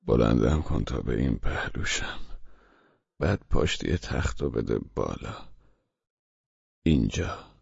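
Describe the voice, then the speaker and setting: A man voicing a curt, gruff young man stuck in bed and in pain, giving short, blunt instructions in an audiobook. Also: big pitch swings, long pauses, a little mellow, dry recording, dull audio, full character voice. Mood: instructing. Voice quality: very deep and gravelly. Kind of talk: audiobook character reading.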